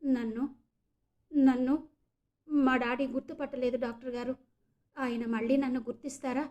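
A woman's voice: fairly high pitch, a little slow, a little mellow, muffled recording, close to an everyday voice. A woman voicing a distressed young daughter who speaks in a choked, crying voice. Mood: tearful. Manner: choked, sobbing voice.

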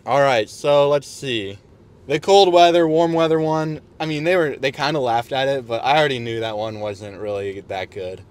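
A man's voice: medium pitch, normal speed, clear, resonant tone. A young man in his twenties vlogging from a bar and then from his parked car, chatting casually and recapping crude jokes from his comedy set. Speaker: comedian vlogging an open mic night. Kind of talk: casual vlog chat. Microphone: handheld camera at arm's length.

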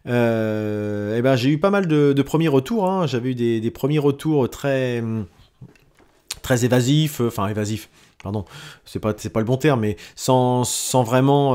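In a smooth, slightly mellow voice of medium pitch, a man works through his weekly audio diary for his podcast. His speech is halting and packed with fillers and restarts.

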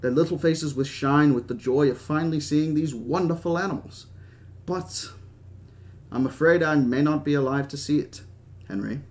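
A man voices a stubborn, grandiose old park founder in his seventies, attempting a British accent and a genteel, speechifying manner with a wistful mood. His own voice is on the high side with a darkish tone and moderate pace, staying close to an everyday voice.

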